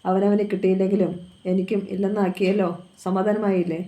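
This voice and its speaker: A woman's voice: mid-range voice, level tone, brisk, mellow, lightly acted. A woman reading the lines of a bitter young woman who fires accusing questions.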